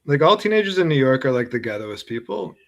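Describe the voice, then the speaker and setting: A man's voice: mid-range voice, big pitch swings, quick pace. A young man chatting casually and a little hesitantly, peppering his sentences with "like". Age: young adult. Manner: hesitant, heavy use of "like". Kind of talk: casual chat.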